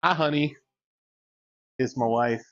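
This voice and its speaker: Taking it slowly in a mid-range voice, a forties-aged man hangs out on a live stream, joking around and reading chat messages out loud. The recording comes through a dull, lo-fi mic.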